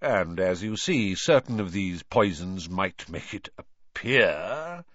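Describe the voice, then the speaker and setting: Storybook villain: man voicing a disdainful aristocrat, clipped and cold, lively pitch. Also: takes it slowly, dry recording, highs cut off, full character voice. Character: cold haughty aristocratic wizard father.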